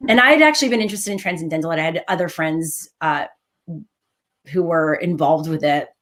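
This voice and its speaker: A woman with a fairly low voice chats in a casual, reflective way. She explains herself earnestly and with animation, as if in an easy conversation. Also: fairly quick, a bit bright. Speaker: talk host.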